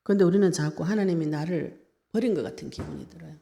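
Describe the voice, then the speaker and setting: A woman's voice: fairly low pitch, fast talker, vocal fry, dark tone. A woman pastor with a Gyeongsang Korean accent, preaching a sermon in an earnest, conversational way.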